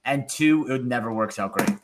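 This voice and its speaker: A man's voice: mid-range voice, moderate pace. A man hosting a podcast interview, giving earnest, emphatic advice to listeners in a casual way. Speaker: podcast host.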